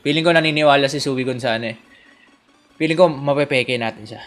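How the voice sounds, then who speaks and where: A young Filipino man livestreaming a game in casual commentary, joking, teasing and coaxing, with sudden loud outbursts. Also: medium pitch, fast, soft background music. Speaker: gaming streamer.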